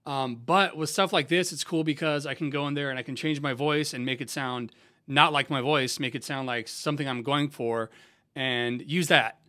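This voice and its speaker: A young man from San Diego, a music producer hosting a casual software tutorial in a laid-back, slangy, conversational way. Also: medium pitch, steady tone, normal speed. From San Diego, USA.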